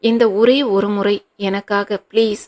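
A woman's voice: medium pitch, little pitch movement, measured pace, a little mellow, lightly acted. A woman voicing a tearful young wife who pleads earnestly with her husband in an audiobook reading.

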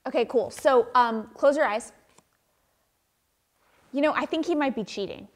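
A young woman pastor delivers a children's sermon in a high, bright voice, a little slow, animated and friendly, full of simple questions and encouragement. She seems to be in a church sanctuary, recorded by a camera across the room.

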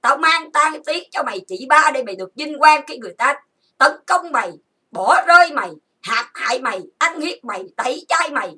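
A woman's voice: high-pitched, pushed and bright, breathy edge, recorded from a distance. A woman hosting her own channel, delivering an angry, accusatory rant full of insults and repeated lists. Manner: accusatory, insulting, repetitive listing. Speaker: channel host. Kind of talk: angry ranting monologue.

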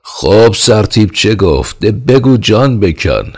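A man's voice: a bass voice, lively intonation, vocal fry, pitched above the performer's own voice, exaggerated voice. A man voicing a panicked, irritable king in an audiobook, anxiously barking questions and orders. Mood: angry. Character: panicked, irritable middle-aged Qajar king. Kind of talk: audiobook character voice.

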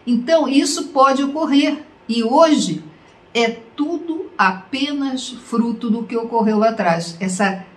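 A woman's voice: on the high side, unhurried. A Brazilian woman giving a spoken lesson, talking straight to the listener in a conversational way and asking rhetorical questions. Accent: Brazilian Portuguese. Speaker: online course teacher. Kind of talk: spoken lecture to camera. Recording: roomy echo.

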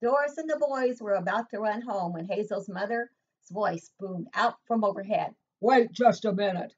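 Indoors at home, an older preschool teacher with a husky, medium-pitched voice reads a picture book aloud with expression and asks the children questions along the way. The audio comes from a desk webcam and sounds dull and lo-fi.

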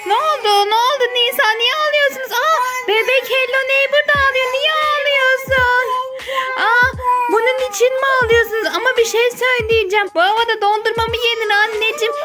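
Super high mom voice doing toy play for kids, all dramatic gasps, music under it. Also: female voice. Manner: exaggerated, playful fearful gasps. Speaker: mother playing with her daughter on a kids' channel. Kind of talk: toy role-play for children.

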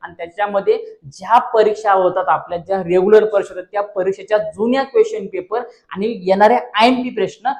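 A man's voice: high-pitched, fairly even intonation, quick pace, a little mellow. A male teacher walking students through an exam paper, constantly asking rhetorical questions and calling viewers his friends. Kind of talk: exam paper walkthrough lesson.

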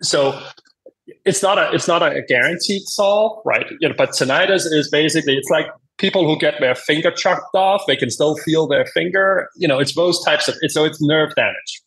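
A Danish man, whose first language is Danish, guests on a podcast as a hearing aid company executive, explaining things in a casual, emphatic, informal way and often checking in with "right?" His voice is fairly high and fairly bright at a moderate pace, and the audio is poor.

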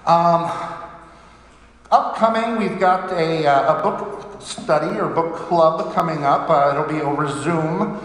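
A man's voice: fairly high pitch, fairly bright tone. A man from Pittsburgh with a Pittsburgh accent, a priest leading prayers and giving chatty, self-deprecating announcements full of fillers in a church. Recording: echoey church with long reverb.

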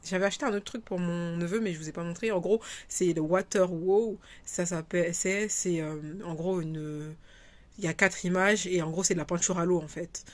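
A woman's voice: lowish voice, fairly even intonation, normal speed, no echo. A woman in her twenties chatting casually to camera in a vlog, rambling with many fillers and restarts. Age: 20s. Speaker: vlogger.

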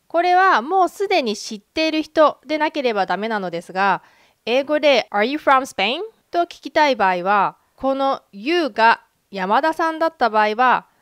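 A Japanese-speaking woman teaches grammar step by step, dropping in short English examples. Her voice is smooth, resonant and somewhat high-pitched. The recording is dry and close, with no room sound. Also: no room sound. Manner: clear, measured explanations with English example phrases. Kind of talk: scripted online grammar lesson.

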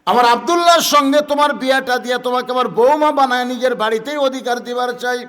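Preacher voicing a proud old ruler. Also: male voice, extremely high pitch, rapid-fire, a bit bright, long reverb tail, voice pushed up. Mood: pleading. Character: elderly male ruler, tender and proud father.

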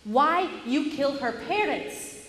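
A woman voicing a man at the next cafe table who translates in slow, halting broken English. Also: high-pitched, lively intonation, a bit bright, roomy sound, long reverb tail, pitched above the performer's own voice, full character voice. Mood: grave.

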